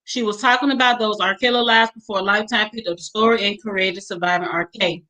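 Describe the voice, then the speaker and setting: A woman's voice: medium pitch, steady tone, brisk, bright, forceful tone, rough recording. A woman co-hosting a casual chat, reading viewer comments aloud with a few hesitant fillers.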